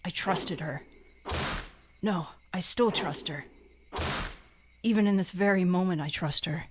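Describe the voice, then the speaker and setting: A woman's voice: fairly low pitch, a little slow, heavy background noise, lightly acted. A woman voicing an anguished teenage anime boy, reading visual novel narration dramatically in an anime boy voice. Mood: anguished, brooding.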